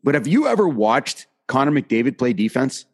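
A man's voice: medium pitch, sing-song, moderate pace, breathy edge. Emphatic man arguing hockey on a podcast. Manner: emphatic, lists stats to make his point. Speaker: podcast host, former hockey player. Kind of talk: casual sports debate.

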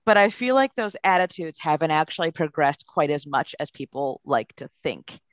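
A woman's voice: deep voice, animated, normal speed, no room sound. Earnest woman on a dull dry line. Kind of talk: casual podcast conversation.

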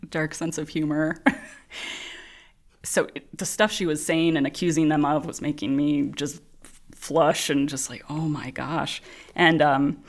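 Laughing woman telling a work story. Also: low-pitched. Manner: animated, laughing, acts out voices in her stories. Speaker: podcast guest, nurse. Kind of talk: casual storytelling chat.

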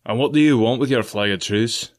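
A man's voice: medium pitch, fairly quick, close to an everyday voice. A man voicing a stern older ship's captain who barks clipped orders. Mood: commanding.

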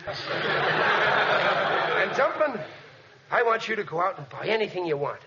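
Noisy vintage radio sitcom, boastful dim working-class husband, stammering, high voice, swooping delivery. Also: male voice, sing-song, moderate pace. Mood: expansive, boastful. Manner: stammering, blustering, bad grammar. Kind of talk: 1940s radio sitcom acting. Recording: noisy, dull 1940s radio recording.

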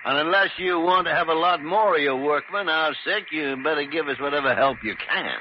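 An actor playing a blunt, stern senior hospital doctor with an American accent and an authoritative, admonishing manner in a classic radio drama. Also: male voice, fairly high pitch, brisk, natural voice. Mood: stern, scolding. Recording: muffled, noisy old radio recording.

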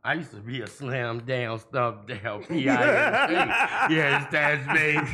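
A man in his thirties in a loud casual group chat, laughing often and telling boastful stories. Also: medium pitch, lively intonation, takes it slowly. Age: 30s. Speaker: podcast co-host.

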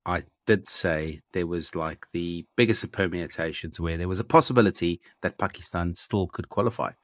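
A man with a fairly low voice in a dry recording. He banters casually as a podcast co-host, slightly tipsy and mock-formal in his phrasing. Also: normal speed, no echo.

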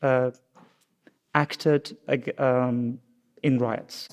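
A man working as a live interpreter, speaking in formal phrases with a halting, hesitant delivery. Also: medium pitch, flat delivery. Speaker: live interpreter translating an official.

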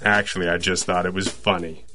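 An actor playing a gruff, sardonic police lieutenant in old-time radio style, a wry, hard-boiled 1930s beat cop full of slang. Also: male voice, deep voice, level tone, brisk, pushed and bright, faint music behind. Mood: wry narration. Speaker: police homicide lieutenant in a detective radio drama.

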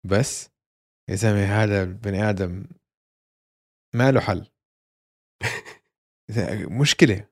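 A man's voice: lowish voice, slow, pauses often. A man with a Levantine Arabic accent co-hosting a casual sports chat, talking in bursts and often repeating himself. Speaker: sports show co-host. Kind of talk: casual chat about basketball.

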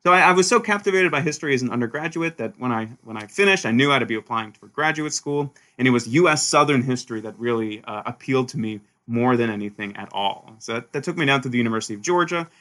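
A man from Sweden, a historian being interviewed about his book, talking in an animated way with frequent restarts and "right?" tags. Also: mid-range voice, fast, few pauses. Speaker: historian, author guest. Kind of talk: conversational interview answers.

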